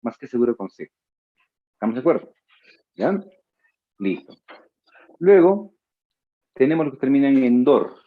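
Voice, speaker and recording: A male teacher giving a spelling lesson, drawing out his words slowly and adding playful asides to his students. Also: mid-range voice, big pitch swings, phone-quality sound. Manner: slow, drawn-out words, playful asides to the listener.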